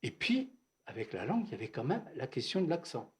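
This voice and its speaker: An older man from Algeria, a psychoanalyst, telling his memories at a bookshop talk in a halting, reflective way, often repeating words. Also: mid-range voice, big pitch swings. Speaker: psychoanalyst, guest speaker. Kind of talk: reminiscing talk at a bookshop event.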